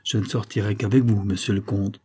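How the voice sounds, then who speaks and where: A man's voice: on the low side, little pitch movement, a little fast, mellow, husky. A man voicing a grieving young countess who speaks in a trembling, bitter plea. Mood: bitter, pleading.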